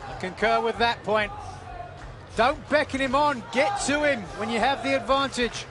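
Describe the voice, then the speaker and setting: Male wrestling colour commentator, very high voice, analytical, technical move calls over a loud crowd. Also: normal speed. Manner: analytical, naming holds and techniques. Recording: noisy live event with crowd. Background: loud crowd and event noise.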